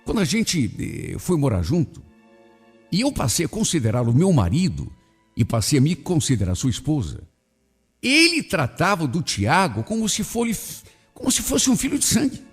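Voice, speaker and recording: A man's voice: a little high, wildly swooping pitch, moderate pace, breathy edge, soft background music. A man hosting a radio show, reading a listener's story in the first person with emotional, indignant delivery. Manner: emotional, swinging between indignation and pity.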